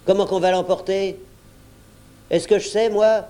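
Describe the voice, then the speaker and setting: A man's voice: mid-range voice, slow pace, lightly acted. A man voicing a blustering, cunning male pirate captain who bullies and mocks his crew. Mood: threatening. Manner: loud, bullying, scornful.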